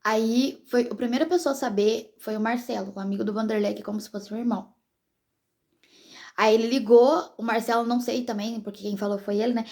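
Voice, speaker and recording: A woman's voice: a little high, steady tone, fairly quick, darkish tone. A young pregnant woman from Brazil chatting casually to her viewers as a vlogger, in a rambling, direct way.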